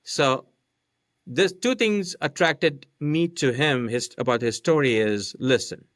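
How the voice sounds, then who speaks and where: A podcast guest whose first language isn't English explains a marketing method step by step, often checking in with "right?" in a casual, explanatory way. His mid-range voice is a bit bright and he takes it slowly. The studio-quality recording has no echo.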